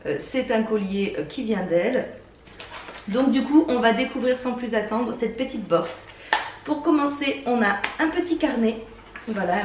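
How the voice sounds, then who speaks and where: Woman vlogger, slightly high, gushing and hesitant with fillers; distant mic, echoey room, faint hiss. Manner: chatty, enthusiastic, hesitant with many fillers. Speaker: beauty box unboxing vlogger. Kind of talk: casual product review. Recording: roomy sound from a mic set back, faint hiss.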